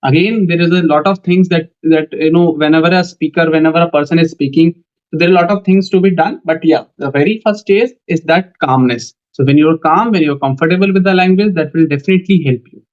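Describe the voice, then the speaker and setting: A young man with an Indian English accent giving a coaching lecture, speaking in a calm, measured way and often repeating "okay" between points. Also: a little high. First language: Hindi. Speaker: teacher for defence exam interviews. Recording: dull lo-fi sound.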